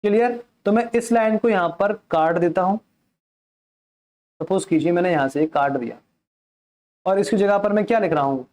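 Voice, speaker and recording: A man's voice: high-pitched, normal speed, long pauses, a little mellow. A male math teacher giving a classroom lecture who mixes English terms into his Hindi and keeps asking questions and then answering them himself.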